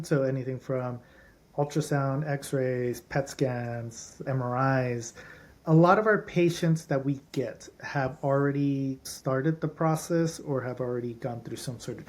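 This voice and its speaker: His medium-pitched voice carries a darkish tone. He is a holistic clinic doctor appearing as a podcast guest, describing treatments in runs of lists with frequent restarts.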